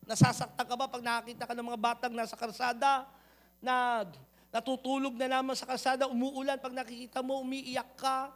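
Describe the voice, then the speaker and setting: A man, a pastor preaching a sermon, moving from loud calls to the congregation to quiet, personal storytelling. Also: very high voice, flat delivery, a little fast. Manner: switches between loud appeals to the congregation and soft storytelling.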